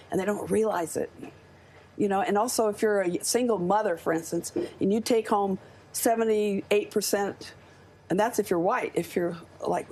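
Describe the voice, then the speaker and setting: A woman's voice: mid-range voice, a little mellow, husky. An American woman in her seventies, a studio guest speaking earnestly and with conviction in a live TV news interview. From United States. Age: 70s.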